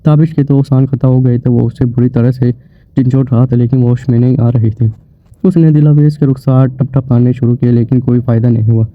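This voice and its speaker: A man narrating a dramatic story in an even, unhurried reading voice. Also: mid-range voice, dry recording. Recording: tinny phone-like, dry sound.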